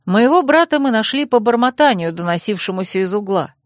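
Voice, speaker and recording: A woman's voice: mid-range voice, lively intonation, brisk, no room sound, studio quality. Woman reading a novel aloud. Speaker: audiobook narrator. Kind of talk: scripted first-person narration.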